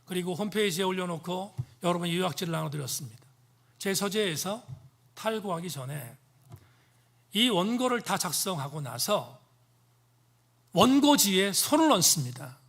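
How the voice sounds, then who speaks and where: A middle-aged male pastor preaching a sermon, swinging from hushed whispers to loud, emphatic peaks. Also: sits high, lively intonation, moderate pace, gravelly.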